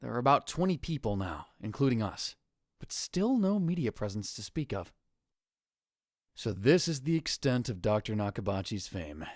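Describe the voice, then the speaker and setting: In a clean, dry studio recording, a man with a lowish voice dubs a hot-headed young self-proclaimed mad scientist for an anime visual novel fan project. He narrates in first person at normal speed, very animated and brooding, erupting in dramatic, grandiose outbursts.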